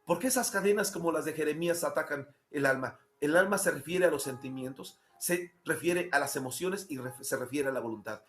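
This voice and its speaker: High-voiced preacher in an echoey room. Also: male voice, a little fast, few pauses, a bit bright, faint music behind. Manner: impassioned, repetitive preaching with rhetorical questions. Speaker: pastor. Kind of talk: sermon.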